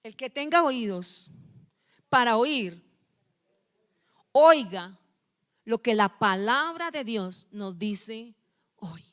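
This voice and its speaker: Woman pastor, sermon, bright voice, measured pace, scolding questions. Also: on the high side, lively intonation. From Colombia. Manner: preaching with questions to the congregation, scolding.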